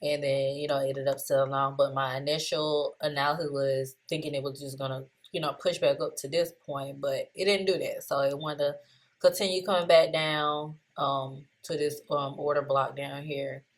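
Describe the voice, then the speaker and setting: Low-voiced woman casually recapping trades. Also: moderate pace. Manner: relaxed, chatty, laughs at herself. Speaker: trader reviewing her trades. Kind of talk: casual screen-share trading recap.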